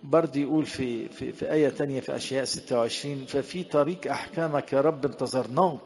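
A man with an Egyptian Arabic accent preaching a sermon, repeating verses slowly and answering his own rhetorical questions. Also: mid-range voice, darkish tone.

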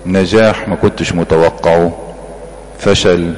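A man with an Egyptian Arabic accent preaches in a very low voice, earnest and emphatic. He builds his points by repeating short phrases. The sermon rings with long hall reverb over a faint background hum. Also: steady tone, a little slow.

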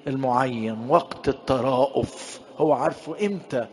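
Egyptian man preaching a sermon. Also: medium pitch. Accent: Egyptian Arabic. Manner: rhetorical questions answered himself; repeats verses slowly for emphasis.

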